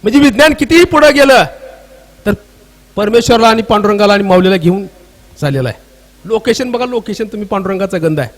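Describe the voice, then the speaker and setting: High-voiced Marathwada kirtan preacher. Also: male voice, lively intonation, fast talker, pauses often. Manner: storytelling, questioning the audience, bursts into chant. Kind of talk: devotional kirtan sermon.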